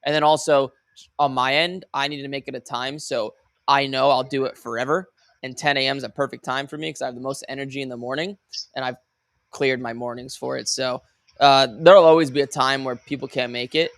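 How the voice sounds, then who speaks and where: A man's voice: medium pitch, steady tone, fairly bright tone, dry recording, clean studio sound. A man hosting a call-in show, chatting casually and informally with callers, often restarting his sentences. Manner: halting, informal, with repeated false starts. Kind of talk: casual unscripted chat with callers.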